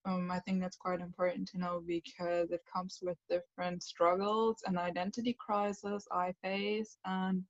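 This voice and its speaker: A woman, explaining calmly on a video call. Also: lowish voice, normal speed, few pauses, lo-fi sound. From Germany. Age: 20s.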